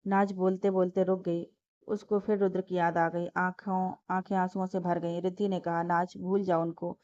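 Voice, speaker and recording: Woman storyteller, steady reading, mellow dark tone, dry dull recording. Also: lowish voice, moderate pace. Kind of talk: storybook narration.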